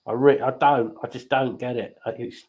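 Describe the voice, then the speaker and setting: A man in casual conversation, crude and outspoken, with plenty of swearing. His voice sits at an ordinary middle pitch. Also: steady tone, normal speed, a little mellow, poor audio. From England. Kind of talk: casual chat.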